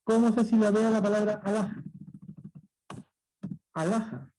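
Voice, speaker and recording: A man's voice: high-pitched, normal speed, a little mellow, a little hiss or hum, low-quality recording. A man teaching an exam-prep language lesson, patient and repetitive, often checking that the student understood.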